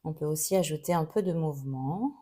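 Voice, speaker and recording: A woman teaching a yoga class, giving calm, gently guiding cues through each pose. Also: low-pitched, fairly quick. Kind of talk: guided yoga instruction.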